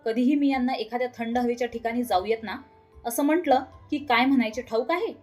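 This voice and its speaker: Storybook wife, nagging and theatrical, pitched a little high, as a woman reader puts her on. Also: fairly quick, a little mellow, faint music behind, lightly acted. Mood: complaining. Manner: scolding, sarcastic complaints. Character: middle-aged wife, complaining, dramatic, sharp-tongued.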